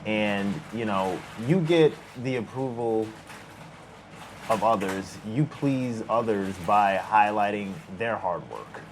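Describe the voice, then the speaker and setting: A man's voice: lowish voice, lively intonation, slow, background noise. A man hosting a podcast, laid-back and chatty, often asking "you know what I mean". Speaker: podcast host. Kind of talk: casual conversation.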